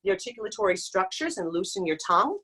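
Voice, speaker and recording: A woman vocal coach leading a live online group singing lesson, explaining exercises and breaking into loud demonstration hoots and calls. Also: mid-range voice, big pitch swings, fast talker, slightly rough. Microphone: video call.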